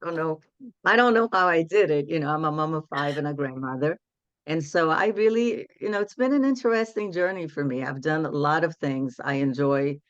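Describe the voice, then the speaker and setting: In a casual interview, a Brazilian women's empowerment coach in her sixties speaks English earnestly and reflectively, Portuguese being her native tongue. Her low voice is expressive and fairly quick with a clean tone, though the dry recording is muffled.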